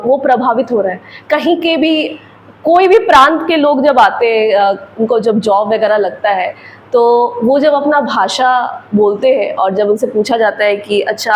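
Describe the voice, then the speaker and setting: A woman's voice: a little high, slight background noise, poor audio. A woman English teacher with an Indian accent, explaining grammar in a patient classroom lecture with repeated examples.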